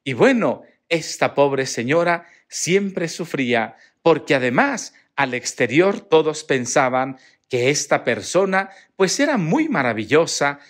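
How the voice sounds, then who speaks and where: Slow, animated priest preaching. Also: male voice, on the high side. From Mexico. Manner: expressive storytelling, acts out quoted voices. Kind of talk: Mass readings and homily.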